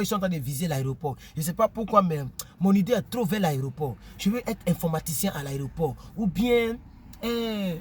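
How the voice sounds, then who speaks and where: A man casually vlogging to his subscribers, animated and preachy, often repeating words while he searches for them. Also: high voice, husky. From Ivory Coast. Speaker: YouTuber.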